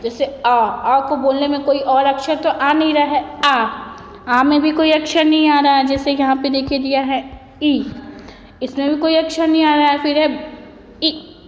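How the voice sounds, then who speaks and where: Woman teacher going slow, asks then answers herself, echo hanging on the room. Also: high voice, fairly even intonation. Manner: asks the class questions and answers them herself; drawn-out sounding of letters. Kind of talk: slow, patient Hindi grammar lesson. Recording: echoey room, long reverb.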